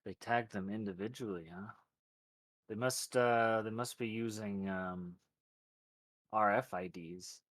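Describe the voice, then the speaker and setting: A man improvising narration as a tabletop game master, halting and thinking aloud as he goes. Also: on the low side, fairly even intonation, fairly bright tone, no echo.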